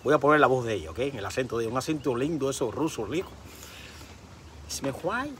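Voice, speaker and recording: A man vlogging outdoors by a pool, telling a story in an animated, casual way and slipping into English. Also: medium pitch, very fast, background noise.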